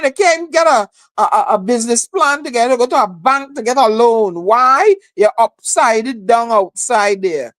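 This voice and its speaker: A woman's voice: fairly high pitch, no room sound. Emphatic woman from Barbados, dry sound. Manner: emphatic, repeats phrases, quotes slogans. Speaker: host. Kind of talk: casual political chat. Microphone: streaming call.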